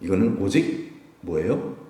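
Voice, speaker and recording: A pastor delivers a Friday night sermon with a lively, swinging voice, asking questions of his listeners and acting out quotes. The sound is roomy and echoing, and he is heard from a distance, away from the microphone. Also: low-pitched, a little slow. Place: church sanctuary. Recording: echoey room, voice from a distance.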